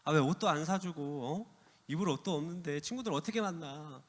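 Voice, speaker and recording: A man's voice: on the high side, a little fast, big-room sound, natural voice. A man voicing an upset teenage girl complaining to her mother in a whiny, pleading way, inside a sermon story.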